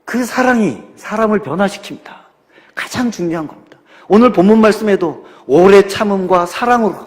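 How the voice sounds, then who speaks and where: A man preaching a sermon as a pastor, telling a story with dramatic voice changes and dropping at times to a near-whisper. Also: on the high side. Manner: dramatic storytelling, acting out quoted parents and son; swings from loud exhortation to near-whisper. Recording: long hall reverb.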